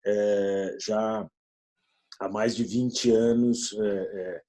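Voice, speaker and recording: A man in his forties from Rio Grande do Sul, speaking as a business partner in a video meeting, with halting speech and many fillers. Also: on the low side, steady tone, warm tone. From Rio Grande do Sul, Brazil.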